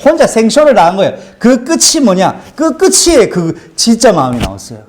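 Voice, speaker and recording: A middle-aged male pastor preaching a sermon, telling his own testimony with animated storytelling. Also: high voice, moderate pace. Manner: animated storytelling testimony, acting out quoted cries.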